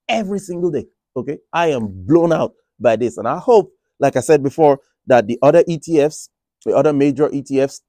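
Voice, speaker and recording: The dark, medium-pitched voice belongs to a Nigerian-accented finance vlogger in the Republic of Ireland, captured in clean studio sound with no room sound. Casual and rambling, he discusses trading and his finances, restarting often and relying on fillers.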